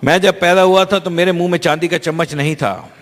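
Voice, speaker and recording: High-voiced male interpreter in a hall. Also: fairly even intonation, fairly quick. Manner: fluent, conversational, with small restarts. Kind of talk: live consecutive interpreting. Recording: long hall reverb.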